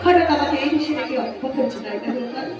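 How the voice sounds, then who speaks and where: A woman's voice: high voice, animated, quick pace, crowd noise. A woman on stage playing a young police officer who loves an unemployed man, with a declamatory, projected manner. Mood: sorrowful. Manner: declamatory, stage-projected delivery with emotional outbursts. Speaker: stage actor. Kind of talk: live folk-theatre melodrama. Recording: echoey live stage from far off. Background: music and audience.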